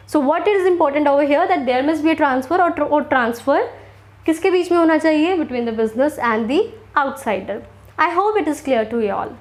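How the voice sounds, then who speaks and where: High-voiced teacher with an Indian accent. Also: female voice. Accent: Indian English. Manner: explains slowly, poses questions and answers them. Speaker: accounting teacher. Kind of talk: classroom lecture.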